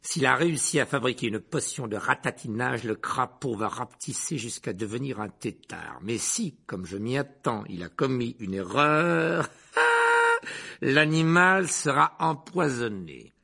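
A man voicing a cold, sneering male potions teacher who speaks slowly and with contempt, in a storybook reading. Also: mid-range voice, animated, vocal fry, sharp tone, breathy edge, full character voice. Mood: scornful. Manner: slow, cutting, contemptuous.

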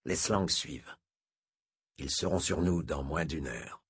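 A man playing a terse old masked mutant scout in an audiobook, speaking low and clipped through a deep, deeply husky voice. He sounds guarded and spare with words. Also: a little slow, exaggerated voice.

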